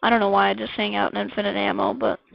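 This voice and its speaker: A woman giving casual gameplay commentary, rambling and excitable, blurting out weapon names as she plays. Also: mid-range voice, fast, vocal fry, no echo. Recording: dull lo-fi dry mic.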